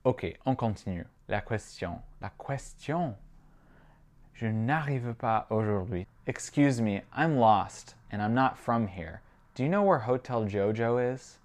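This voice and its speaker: A man with an American Midwest accent, slowly teaching an English lesson for French speakers and repeating each phrase word by word. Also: mid-range voice, lively intonation, a little mellow. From Midwestern United States. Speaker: language teacher.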